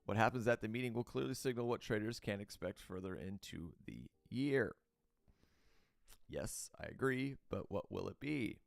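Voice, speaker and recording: A man with a fairly low voice reads crypto news aloud as the host of his own show. Between passages he breaks into blunt, opinionated rants, talking loosely with fillers and restarts. The recording is dry and close, with no room sound. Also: expressive, moderate pace, vocal fry, dry recording.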